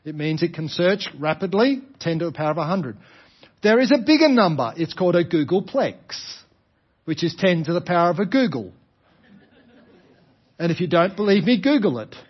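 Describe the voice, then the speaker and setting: Male preacher, Australian, high-pitched. Explanatory sermon delivery with emphatic repetition and rhetorical questions. Slightly muffled sound. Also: very animated, normal speed, breathy edge. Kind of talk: sermon, explaining a parable to a congregation.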